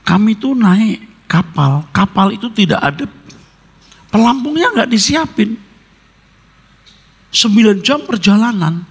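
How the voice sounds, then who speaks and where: A male pastor preaches with a gravelly, husky voice and a lively, swooping pitch. He acts out his stories with sound effects and jokes. His voice rings out in a long reverb from a large church hall. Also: unhurried, long pauses. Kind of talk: sermon with personal storytelling.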